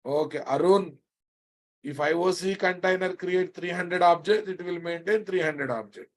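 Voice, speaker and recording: A man's voice: high voice, moderate pace. A man with a Telugu Indian English accent lecturing live as a programming instructor, emphatic and repetitive, prodding and chiding his students with questions.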